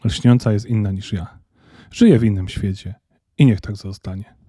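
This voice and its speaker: A man's voice: on the low side, moderate pace, warm tone, breathy edge, no echo, clean studio sound. A man doing a proud, gloomy old elf. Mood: resigned. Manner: dignified, resigned.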